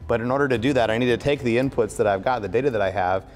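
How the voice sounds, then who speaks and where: A man's voice: mid-range voice, racing, darkish tone, slight background noise. A man on an investor panel chats enthusiastically about wanting an app that makes his fitness data useful. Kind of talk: casual chat.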